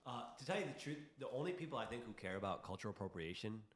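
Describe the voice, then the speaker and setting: In a room in Taiwan with a roomy echo, a man chats loosely on a podcast, rambling, airing his opinions, and laughing at himself along the way. His voice sits on the low side, very fast and expressive.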